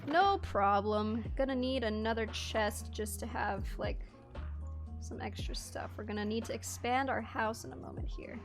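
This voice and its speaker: Chatty woman streamer, high voice. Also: normal speed, music in the background. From Canada. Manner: chatty, laughs often, reads chat aloud. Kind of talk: casual chat while gaming and reading chat.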